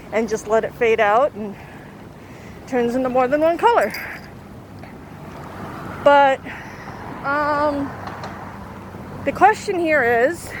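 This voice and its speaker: A woman chatting casually and haltingly to her vlog viewers, outdoors in strong wind. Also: high voice, poor audio. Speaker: vlogger. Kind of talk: casual rambling vlog chat. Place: outdoors in windy weather. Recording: loud wind noise, outdoors.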